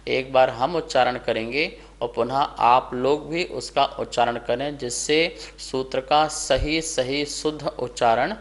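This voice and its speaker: A man teaching a scripture lesson, reciting a verse word by word for students to repeat, then explaining it slowly. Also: medium pitch, fairly even intonation. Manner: measured, syllable by syllable chanting of verses. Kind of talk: slow recitation lesson with call and response.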